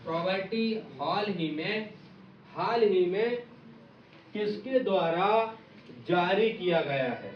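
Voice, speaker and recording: High-voiced man teaching exam memory tricks. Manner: repeats "samjhe nahin samjhe?" to check understanding; playful, acts out little skits. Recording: echoey, distant, dull audio with faint noise.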